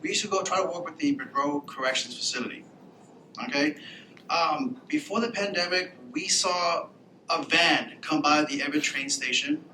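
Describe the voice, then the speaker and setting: A man from Texas who pronounces his R's like W's, giving an informal, animated conference presentation. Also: normal speed. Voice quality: cannot pronounce R, says w for r. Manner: informal, animated storytelling with acted-out quotes. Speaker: workforce agency presenter, Marine veteran. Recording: echoey room with background rumble.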